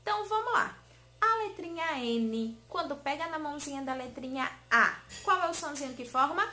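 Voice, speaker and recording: A woman teacher giving a lesson to small children, in a sing-song way, stretching key words slowly and coaxing answers with questions. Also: high voice, animated, sharp tone. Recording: roomy echo.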